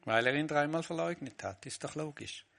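A man's voice: on the high side, brisk, vocal fry, a bit bright. A man preaching a sermon, reflective, voicing short quoted lines with changing emphasis.

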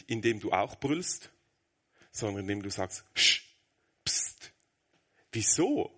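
A man in his thirties preaching a sermon, earnest, moving between brisk explanation and a soft, hushed near-whisper. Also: mid-range voice.

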